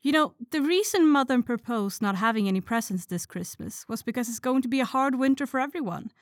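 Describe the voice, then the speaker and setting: A woman's voice: fairly high pitch, no echo, studio quality, voice pushed up, close to an everyday voice. A woman voicing the eldest teenage sister, wistful and complaining.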